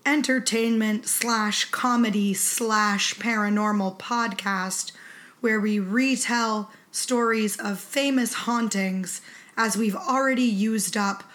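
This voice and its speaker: A woman's voice: medium pitch, fairly even intonation, takes it slowly, fairly bright tone. Female casual podcast host, flu-sick voice, conversational delivery. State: sick with flu-like illness affecting her voice. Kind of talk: casual chat.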